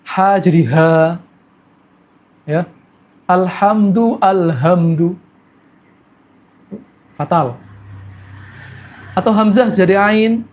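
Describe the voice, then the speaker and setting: High-voiced preacher teaching. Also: male voice, muffled recording. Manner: rhetorical questions answered himself, slow drawn-out Arabic recitation examples. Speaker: Islamic preacher. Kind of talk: religious lecture.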